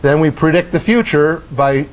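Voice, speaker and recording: A middle-aged man teaches in a lecture hall, his voice sitting slightly high for a man. He is animated and acts out the physics with his own body. He breaks off now and then for wry asides and questions to the students. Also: normal speed. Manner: animated, acts out motion as he explains. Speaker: professor. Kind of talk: university lecture.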